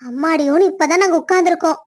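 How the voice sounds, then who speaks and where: A woman's voice: extremely high pitch, very fast. A woman voicing chatty mothers and aunts in a family cartoon, fussy and affectionate. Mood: doting. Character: chatty family women, mother and aunt figures. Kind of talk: cartoon voice acting.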